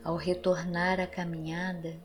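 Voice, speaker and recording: A woman narrating a guided meditation in a soft, soothing, breathy voice that trails into a near-whisper, with long pauses. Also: lowish voice, level tone. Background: music.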